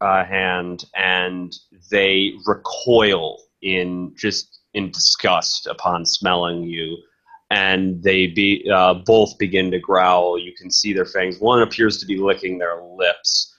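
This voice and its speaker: A man narrating a tabletop game as game master, improvising and often halting to search for words. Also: deep voice, fairly even intonation, bright, forceful tone, muffled recording.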